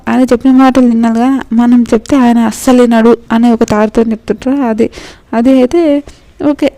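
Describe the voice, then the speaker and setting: Woman, chatty show recap, fillers and restarts, warm tone, dry close sound. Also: on the high side, no room sound, rough recording. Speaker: show reviewer. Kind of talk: casual episode recap.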